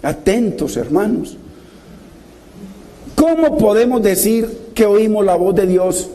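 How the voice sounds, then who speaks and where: Impassioned preacher, male; high voice with a mellow, dark timbre. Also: lively intonation, takes it slowly. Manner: impassioned, exhorting, repeated direct address. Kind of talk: sermon.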